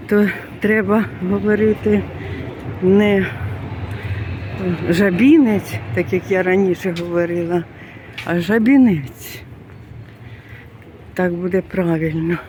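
A woman's voice: fairly low pitch, level tone, normal speed. A woman from Ukraine talking casually through a walking vlog, explaining things as she goes. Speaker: vlogger. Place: outdoors on city streets. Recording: clear street noise and passing traffic.

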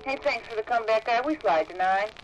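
A woman playing a motorist who calls for help over CB radio, speaking in brisk trucker slang. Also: on the high side, highs cut off, slight background noise.

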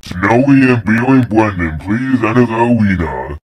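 A man voicing a referee character in an amateur animation, calm and announcing. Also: on the low side, moderate pace, poor audio.

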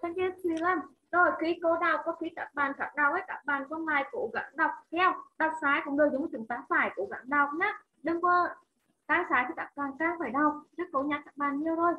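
Her voice sits high, and the recording is muffled. A Vietnamese-accented woman teacher runs an English vocabulary drill over a video call, saying each word slowly, repeating it and encouraging her pupils to echo it.

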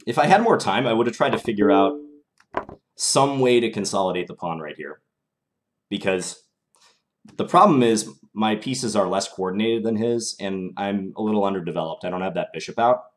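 A young man's lowish voice, at a moderate pace, carries live chess commentary as he plays and reasons aloud. He has a mild Minnesota accent and streams from a small room at home.

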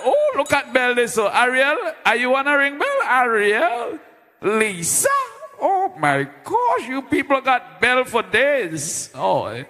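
High, bright-voiced Vincentian hype man. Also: long reverb tail. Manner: loud, playful, chanting call-outs to the audience. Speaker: livestream host and DJ. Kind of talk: hype live-stream hosting.

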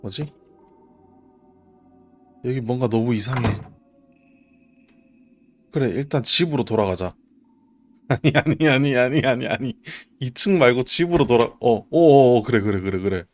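A man doing live horror game commentary as a streamer, jumpy and reactive, talking to himself and sometimes shouting. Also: mid-range voice, expressive, unhurried, pauses often, faint music behind.

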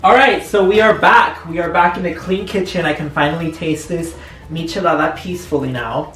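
A man's voice: fairly high pitch, a little fast. A young man chatting casually and joking through a home cooking vlog in his kitchen. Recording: echoey kitchen, distant mic, faint music.

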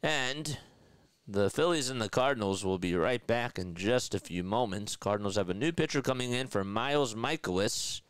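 Live baseball commentary mixed with chat reading comes from a man in his thirties with a Philly accent, wearing a headset boom mic at his desk in a small indoor room. Chatty and quick to laugh, he reads viewer comments out loud. His voice is lowish, expressive, and smooth, at a moderate pace, with no echo.

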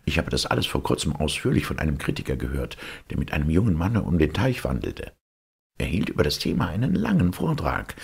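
A man's voice: very deep voice, creaky, breathy edge, heavily acted. A man voicing a snobbish, opinionated water rat that talks in a dismissive, know-it-all way, in a storybook reading.

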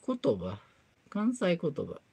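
A woman's voice: lowish voice, wildly swooping pitch, slow pace, creaky, dark tone, husky. Kansai woman w kyoto dialect, livestream chat, mutters to herself while fixing stuff, takes her time. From Kansai, Japan. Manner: chatty, mutters to herself as she works. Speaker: livestream host. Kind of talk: casual livestream chat while doing a repair.

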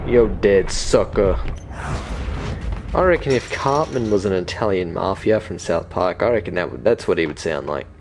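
Young male gamer host, lively lower voice, noisy home recording, game sounds behind. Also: fairly quick, few pauses. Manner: chatty, jokey, excitable. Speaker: let's play host. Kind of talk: casual gameplay commentary. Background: game audio.

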